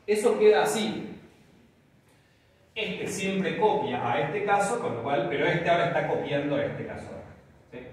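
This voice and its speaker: A man lectures his class and keeps checking that they follow. His voice is somewhat high and swings widely in pitch. He is recorded from a distance in a very echoey room, with faint ambient noise behind him. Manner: lively explanatory, checks understanding with "¿sí?". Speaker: Greek teacher.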